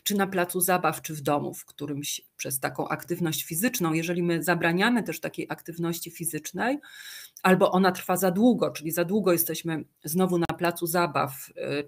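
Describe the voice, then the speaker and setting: A woman giving an online training lecture, explaining calmly with fillers, asides and questions to the participants. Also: on the low side.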